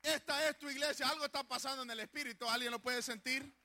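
High bright-voiced preaching man. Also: steady tone, fast. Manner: preaching that swells into shouted declarations. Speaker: pastor. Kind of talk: fiery bilingual sermon.

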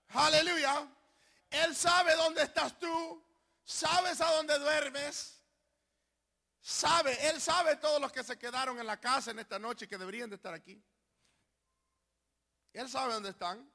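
Slow, high-voiced, gravelly preacher. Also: male voice. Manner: emphatic, shouts out key lines, urges the congregation to respond. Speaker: pastor. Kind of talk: preaching a sermon. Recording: long hall reverb.

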